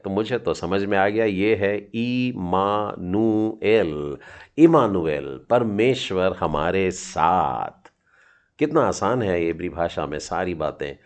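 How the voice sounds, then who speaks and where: A middle-aged man teaching a children's Hebrew lesson, patiently sounding out each letter and encouraging his students. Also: low-pitched.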